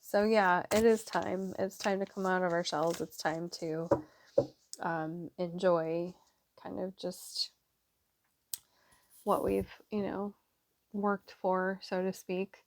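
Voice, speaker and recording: A woman's voice: lowish voice, fairly even intonation, slow pace, long pauses, no room sound. A woman giving a casual tarot reading to her viewers, chatty and rambling with many fillers. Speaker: tarot reader.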